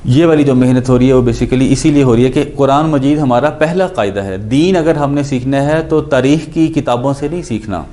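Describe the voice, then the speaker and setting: A warm, mid-range male voice delivers an Urdu lesson on the grammar of the Quran. Each word gets its own explanation, and he fields his own questions as he goes.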